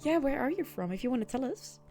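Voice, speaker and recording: Talking fast in a high, dark-toned voice with lively intonation, a young woman with a Dutch accent streams a game over soft background music. She is from the Netherlands and keeps up a chatty conversation with viewers, responding to chat, laughing a lot and starting sentences over.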